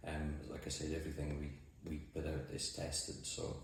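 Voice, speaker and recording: A man's voice: rumbling low, flat delivery, moderate pace, gravelly. A man with a Shetland accent answering interview questions in an understated, matter-of-fact way. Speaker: mussel farmer and boat skipper. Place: indoors in an office. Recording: very echoey room, faint noise.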